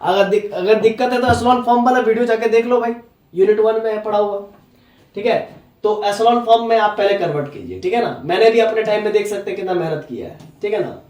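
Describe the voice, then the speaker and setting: A man's voice: high voice, quick pace, a little mellow, reverberant, recorded from a distance. A man with a Jharkhand accent teaching a maths lecture in a blunt, scolding way, with "right?" after nearly every step. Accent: Hindi from Jharkhand. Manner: blunt, scolding, repeats "है ना?" and "ठीक है?".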